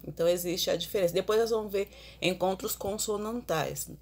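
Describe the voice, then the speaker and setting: A woman teacher giving an online grammar lesson, explaining slowly and putting questions to the class. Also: medium pitch, darkish tone.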